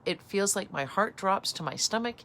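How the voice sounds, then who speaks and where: A woman co-hosting a casual chat on an outdoor balcony, lively and giggly. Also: mid-range voice, normal speed. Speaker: co-host.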